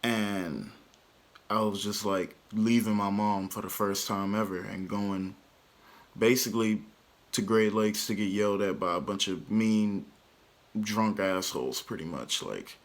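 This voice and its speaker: A man's voice: fairly low pitch, a little slow. A young man from Texas telling a casual story to his vlog audience, rambling and filling his sentences with "like". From Texas, USA. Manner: rambling, lots of "like" fillers. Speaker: vlogger.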